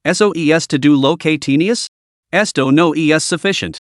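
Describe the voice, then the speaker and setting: Man voicing a smug three-year-old boy in a storybook recap, taunting, slightly high tone, dry sound. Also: measured pace, dry recording, close to an everyday voice.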